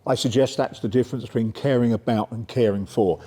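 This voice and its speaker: A man's voice: medium pitch, fairly even intonation, fairly quick, warm tone, husky. A middle-aged man giving a conversational coaching workshop talk, often checking in with "yeah?". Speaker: sport psychology speaker. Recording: reverberant lecture room.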